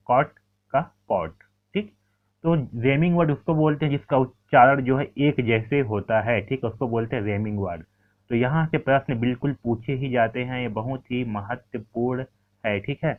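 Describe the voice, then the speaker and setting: A male teacher explains an English lesson in a patient, repetitive way and keeps checking in with his listeners. His voice sits in a middle pitch. The recording is tinny and narrow, much like a phone line. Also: moderate pace. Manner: repetitive, checks in with "ठीक है" often.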